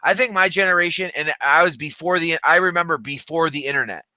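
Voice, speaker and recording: Thirtysomething guy rambling on a chat show, really bright voice, dry close sound. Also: a little high, fast, no echo. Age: 30s. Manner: rambling, many fillers and restarts. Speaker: podcast co-host. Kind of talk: casual chat.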